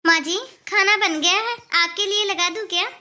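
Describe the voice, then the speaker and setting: A woman's voice: very high voice, normal speed, sharp tone, heavily acted. A woman voicing a lazy, sly young daughter-in-law in a cartoon, who talks in a coy, teasing way. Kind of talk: cartoon dubbing.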